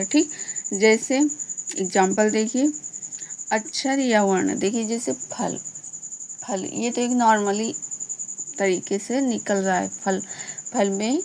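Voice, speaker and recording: Slow, gravelly-voiced woman teaching. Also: mid-range voice. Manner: slow, repeats each definition, explains it again in simpler words. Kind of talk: exam-prep Hindi lesson.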